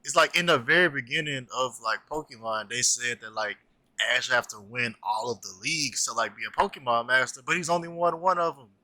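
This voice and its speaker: A man's voice: medium pitch, fairly quick, no echo. A man in his twenties chatting casually about cartoons, rambling with lots of filler words. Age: 20s. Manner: animated, rambling with many "like" fillers. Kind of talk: casual chat.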